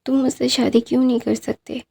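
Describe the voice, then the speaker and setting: Desperate jilted woman, pleading, mellow creaky tone, read by a woman narrator. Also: a little high, flat delivery, a little fast. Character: desperate adult woman, pleading rejected rival.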